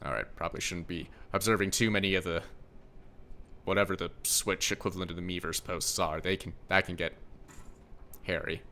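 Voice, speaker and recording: Wry gamer guy with creaky voice. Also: deep voice, fairly even intonation, brisk, sharp tone, a little hiss or hum. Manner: wry, sarcastic, swearing asides. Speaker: let's play host. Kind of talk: casual video game commentary.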